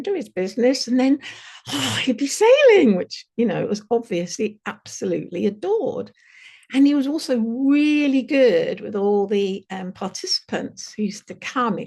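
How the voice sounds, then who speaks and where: A woman hosting a retreat webinar, leading a guided visualization and telling a story in an expressive way, sometimes dropping to a near whisper. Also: mid-range voice, vocal fry, breathy edge. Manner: lively, laughing as she tells a story. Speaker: retreat host presenting a webinar.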